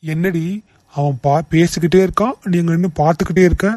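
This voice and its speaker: Brief: man playing a nasty cartoon bully, high yet mellow, sneering, dry close sound. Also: steady tone, brisk, no echo, lightly acted. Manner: sneering, insulting. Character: young male bully brother, rude and threatening. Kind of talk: cartoon voice acting.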